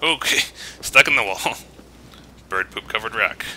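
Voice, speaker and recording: A man's voice: on the low side, animated, a little slow, pushed and bright, slight background noise. A man giving casual, jokey let's play commentary, teasing the game and exclaiming as he goes. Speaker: gaming host. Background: video game sounds.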